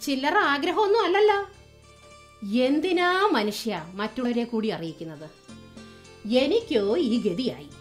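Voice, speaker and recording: A woman's voice: sits high, very animated, normal speed, long pauses. A woman voicing a sarcastic middle-aged wife and mother who scolds her husband, with faint music behind. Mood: scolding.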